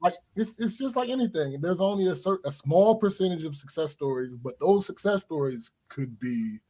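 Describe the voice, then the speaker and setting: A man's voice: fairly high pitch, animated, normal speed, mellow. A man co-hosting a casual podcast, explaining his point emphatically with many restarts. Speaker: podcast co-host.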